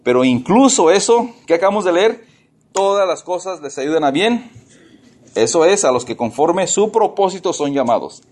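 Animated male pastor preaching. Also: sits high, normal speed. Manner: addresses the congregation as brothers and sisters, asks rhetorical questions; animated, acts out the voices of complaining people. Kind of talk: conversational sermon.

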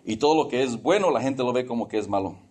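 A man's voice: mid-range voice, expressive, fast, darkish tone. Conversational male preacher. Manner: conversational, repetitive, lightly humorous. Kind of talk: sermon.

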